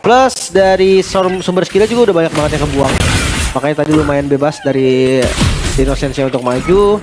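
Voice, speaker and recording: Indonesian man, high voice, analytical esports commentary over clear background music. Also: fairly quick. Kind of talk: live game analysis commentary. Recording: music playing behind the voice.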